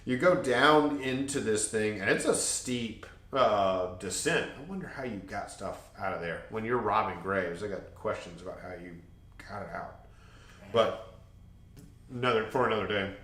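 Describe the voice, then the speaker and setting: A man's voice: lowish voice, normal speed, a bit bright, roomy sound. A man co-hosting a podcast, telling travel stories in a rambling, jokey way and laughing often. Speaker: podcast co-host. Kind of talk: casual travel storytelling.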